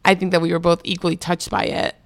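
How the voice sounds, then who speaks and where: A woman's voice: fairly low pitch, monotone, quick pace, gravelly, no room sound. A woman from Venezuela co-hosting a movie podcast in casual, playful chat. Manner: playful, teasing. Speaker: podcast co-host.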